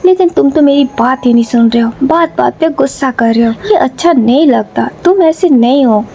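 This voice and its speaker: A woman's voice: sits high, moderate pace, dark tone, husky. A woman voicing a stubborn, cheerful young man who coaxes and pleads. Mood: pleading. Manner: coaxing, pleading.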